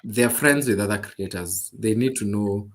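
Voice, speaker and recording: A man's voice: on the low side, normal speed, slight background noise. A man explaining his points as a panelist.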